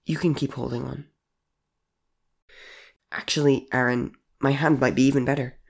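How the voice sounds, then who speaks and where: C J is an eighteen-year-old who deflects with dry jokes and puts themself down, as a narrator puts them on. The voice is mid-pitched with a gravelly grain. The scenes come from a read-aloud story. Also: fairly even intonation, moderate pace. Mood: wry. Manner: wry jokes over hidden hurt. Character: self-deprecating young person named C J, age eighteen. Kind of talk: audiobook character voice.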